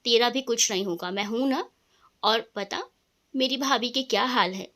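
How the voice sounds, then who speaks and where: A woman's voice: a little high, moderate pace, sharp tone. Woman reading as a teasing young husband. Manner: teasing, affectionate. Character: playful young man, teasing loving husband.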